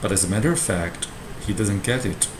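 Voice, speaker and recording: A man whose voice sits on the low side talks briskly as he lectures students on a play text in a Shakespeare class at university. Like a professor, he frequently drops in short tag questions. Background noise is clearly audible, and the room produces a spacious echo.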